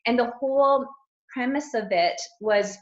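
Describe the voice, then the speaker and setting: A woman's voice: on the high side, unhurried. A middle-aged woman, a guest coach, chatting casually in an interview, rambling and laughing often. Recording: roomy, dull lo-fi sound.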